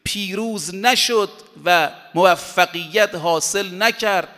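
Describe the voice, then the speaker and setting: A man preaching a sermon in an emphatic manner, slowing down to recite Arabic quotations with deliberate weight. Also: high-pitched, sharp tone. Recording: long hall reverb.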